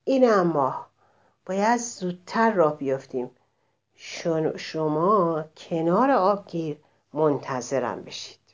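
Storybook figure: a woman putting on a calm, gentle old rabbit leader who speaks softly and evenly. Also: low voice. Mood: hushed.

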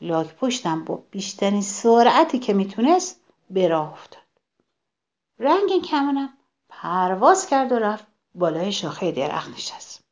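A woman reading a children's story aloud, animated and addressing the children directly. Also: mid-range voice.

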